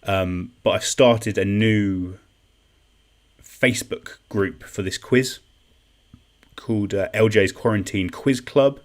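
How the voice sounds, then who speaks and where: Young man, quiz host, chatty and self-deprecating, lowish voice. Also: slow. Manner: chatty, self-deprecating, reads chat comments and repeats questions. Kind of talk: casual live-stream quiz hosting.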